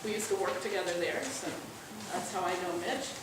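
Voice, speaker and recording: A woman hosting an event, giving an informal, unscripted introduction in a halting way. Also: on the low side. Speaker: event host introducing a speaker. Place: indoor lecture room, recorded from afar. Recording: very echoey room, distant mic, background noise.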